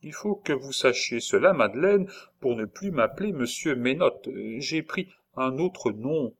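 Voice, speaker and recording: A man reading aloud, voicing a weary, wrongly accused man who speaks softly and with resignation. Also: mid-range voice, animated, a little slow, pitched above the performer's own voice. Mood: resigned. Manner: soft, subdued and resigned. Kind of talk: audiobook reading.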